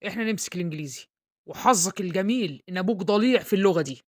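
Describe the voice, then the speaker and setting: A woman acts out a comedy sketch as a pompous, blustering Egyptian-accented father, mangling English words and insulting the son he's tutoring. Her mid-range voice is expressive and a little mellow, racing along close to her everyday voice.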